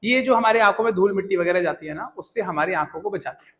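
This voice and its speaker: High-pitched, fast, and a bit bright, a young man runs a casual English-words lesson full of jokes. He chats along, regularly putting questions to the listener and answering them himself.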